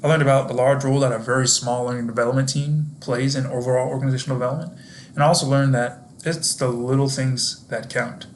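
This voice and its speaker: Young man, scripted video presentation, explanatory, addresses viewers, flat intonation, faint noise. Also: medium pitch, quick pace. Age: young adult. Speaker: intern presenting his work.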